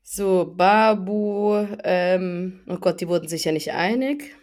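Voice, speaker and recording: Chatty young woman, slightly low voice. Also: a little mellow. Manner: brisk, talkative storyteller who laughs between points. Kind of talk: casual chat recapping a reality show.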